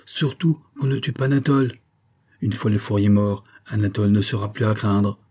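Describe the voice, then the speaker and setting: A man's voice: on the low side, normal speed, lightly acted. Man voicing a terse, commanding rebel leader. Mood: urgent. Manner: curt, commanding, hushed orders. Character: determined young male insurgent leader, terse and urgent.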